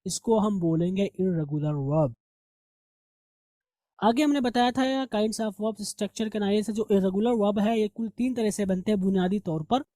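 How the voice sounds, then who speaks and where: Male teacher, warm and dry, patiently walks through grammar rules in a recorded lesson. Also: sits high, normal speed, dry recording. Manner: explains step by step, asks and answers his own questions.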